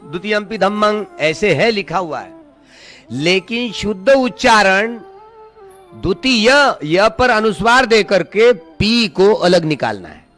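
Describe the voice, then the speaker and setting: A man's voice: high voice, big pitch swings, takes it slowly, a bit bright, faint music behind. A man teaching Pali pronunciation in Hindi, carefully chanting verses and explaining how each word should be read.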